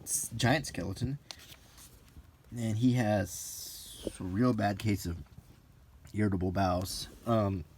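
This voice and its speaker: A middle-aged man hosts a casual, ASMR-like show-and-tell, reading out names in a halting, list-like way broken by brief musing asides. His voice is lowish, darkish, and steady in tone, with a little hiss or hum in the audio.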